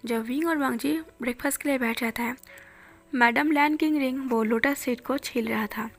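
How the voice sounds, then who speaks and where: A woman narrates a fan fiction story in a soft, hushed reading voice. Her pitch sits fairly high. Faint background music plays throughout. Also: normal speed.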